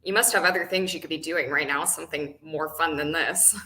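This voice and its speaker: A woman's voice: sits low, fairly even intonation, brisk, a little hiss or hum. An actress playing a blind woman calling a help app, who makes dry, teasing jokes. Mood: wry. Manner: wry, teasing, gently joking. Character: blind woman caller, wry and warm-humored. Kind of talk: stage play performed over video call.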